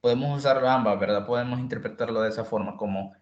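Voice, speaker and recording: A man teaching an online English class, repeating words slowly and quizzing his students. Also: medium pitch, echoey room, highs cut off. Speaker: English tutor.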